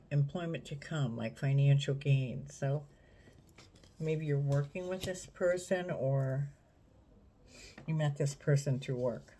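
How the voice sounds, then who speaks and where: A woman reading tarot cards in a casual, unhurried way, musing aloud and talking straight to the viewer. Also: low-pitched, dark tone. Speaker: tarot reader.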